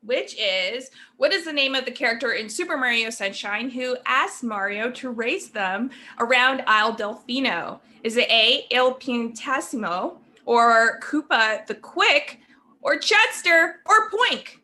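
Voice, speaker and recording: A woman's voice: fairly high pitch, animated, bright, forceful tone, a little hiss or hum. A woman co-hosting an online trivia show, reading out the questions and answer choices in a playful, giggly way. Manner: playful, giggly, reads options aloud deliberately. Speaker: trivia co-host. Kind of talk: reading quiz questions on a livestream.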